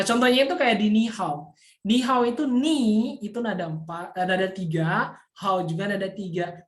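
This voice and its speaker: A woman teaching a Mandarin tone lesson over an online class, patiently repeating examples slowly. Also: on the low side, reverberant.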